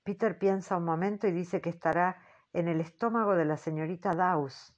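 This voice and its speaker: A woman narrating an audiobook in the first person, in a measured, earnest storytelling manner. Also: lowish voice, lo-fi sound.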